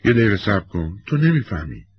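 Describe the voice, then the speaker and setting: A man reading plays a young husband caught between his wife and his friend. He sounds hesitant and defensive in a husky voice. The recording is dull and lo-fi. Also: lowish voice, very animated.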